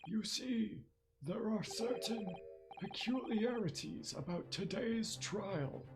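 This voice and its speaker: A courteous elderly professor with a raised, formal voice, as a man puts him on. He speaks in careful, measured sentences, with game music playing clearly behind him. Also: high-pitched, lively intonation, heavily acted, low-quality recording. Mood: grave.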